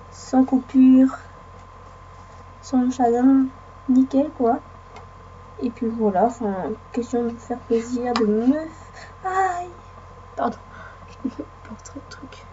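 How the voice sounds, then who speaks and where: This woman, a let's play gamer, chats and rambles over casual gameplay, sniffling and hoarse from a cold as she speaks to the game and her viewers. Her voice leans high and warm. A muffled recording carries a little hiss or hum.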